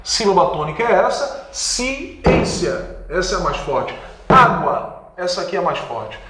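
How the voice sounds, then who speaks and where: A man's voice: sits high, big pitch swings, unhurried, reverberant, very noisy. A man with a Brazilian accent teaching an online grammar lesson for exam prep, emphatic, stretching key words and asking and answering his own questions. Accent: Brazilian Portuguese.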